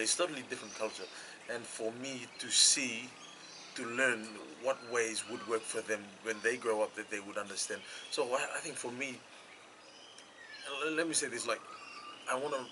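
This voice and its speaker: A man from Fiji, a worship leader, talking casually about faith and family, often agreeing with "that's it". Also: fairly low pitch. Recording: noticeable background noise.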